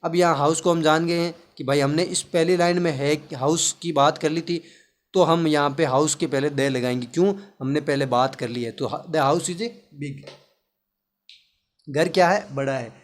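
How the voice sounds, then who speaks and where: A man teaching English grammar in Hindi, asking questions and answering them himself, and slowly spelling out English words. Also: fairly high pitch. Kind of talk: classroom-style grammar lesson.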